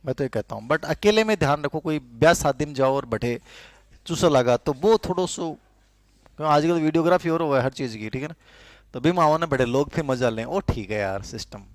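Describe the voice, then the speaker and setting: A man's voice: fairly high pitch, lively intonation, fairly quick, no echo. A middle-aged man, teaching a lecture in a conversational way and repeating key terms so students can write them down. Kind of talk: classroom lecture with dictation.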